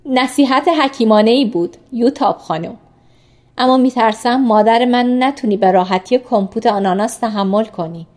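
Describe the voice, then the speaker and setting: A woman voicing a gentle, teasing young male doctor in an audiobook, speaking softly and affectionately. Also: fairly high pitch, lightly acted. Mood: tender. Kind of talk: audiobook character reading.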